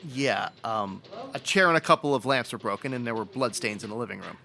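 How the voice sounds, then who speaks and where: Here a man voices the same kind of role: a no-nonsense police sergeant in a vintage radio detective show, dry, procedural and folksy. He speaks a little fast at medium pitch, with vocal fry and a pushed, bright quality.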